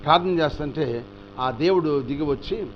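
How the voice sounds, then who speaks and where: A male pastor preaching a storytelling sermon, animated and asking the congregation rhetorical questions. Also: on the high side, moderate pace, highs cut off, slight background noise.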